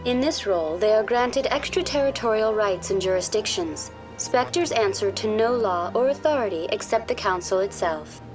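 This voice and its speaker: A woman voices a polite, programmed virtual intelligence tour guide in a video game, delivering scripted informational lines in a formal, courteous, precisely worded way. Her medium-pitched voice is animated and close to everyday speech, moving at a moderate pace with few pauses while music plays in the background. The mood is polite and informative.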